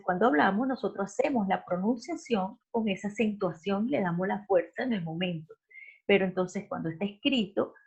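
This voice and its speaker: A woman's voice: medium pitch, creaky, husky. A woman teacher giving a class, explaining step by step, repeating herself and correcting herself often. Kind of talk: online class lecture. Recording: dull lo-fi recording.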